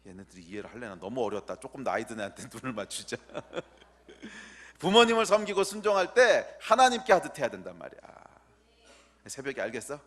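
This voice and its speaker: A male pastor preaching a sermon, teasing and quizzing the children in the pews and slowly repeating key words for emphasis. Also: mid-range voice, huge pitch swings, fairly bright tone.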